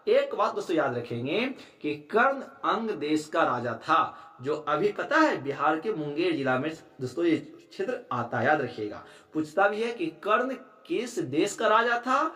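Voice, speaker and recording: A man's voice: on the high side, very animated, a little slow, few pauses, bright, forceful tone, reverberant. A man teaching a school textbook chapter, who repeats key lines and keeps checking in with his students. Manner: keeps asking "है ना?", "ठीक है"; repeats lines to drive them home.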